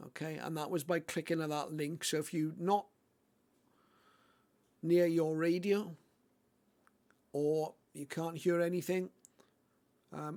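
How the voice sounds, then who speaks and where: Commenting over a website demo, this presenter walks through a shortwave radio tutorial step by step, his wording loose and hesitant. He is a middle-aged or older man whose voice is fairly high yet darkish.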